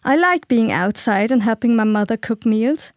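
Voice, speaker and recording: Young woman from Sri Lanka, higher voice. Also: animated, moderate pace, dry recording, studio quality. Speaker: speaker in a listening exercise. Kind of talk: scripted first-person narration.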